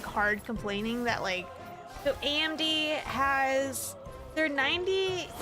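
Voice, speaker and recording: A woman from the Midwest, chatting in a rambling, filler-heavy way while she streams a game and laughs often. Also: sits high. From American Midwest. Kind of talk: casual gaming stream chat. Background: game music.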